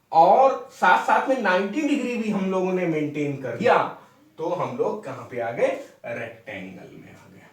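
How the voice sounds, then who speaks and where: A man's voice: sits high, far from the mic. A young adult man teaching maths, explaining step by step and checking in with his students. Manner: explains step by step, asks "ठीक है?" often. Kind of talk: classroom lecture at a board. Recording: echoey room, mic away from speaker.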